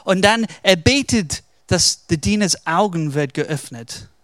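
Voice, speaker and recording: A man giving a devotional Bible talk, telling the story in an animated way and slipping into English words. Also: high voice, takes it slowly, no room sound, clean studio sound. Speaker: preacher.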